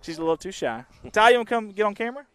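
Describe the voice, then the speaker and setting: A man doing chatty, rambling live softball commentary outdoors. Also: high-pitched, big pitch swings, racing, clear, resonant tone. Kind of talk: casual live sports commentary. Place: outdoor softball field on a windy day.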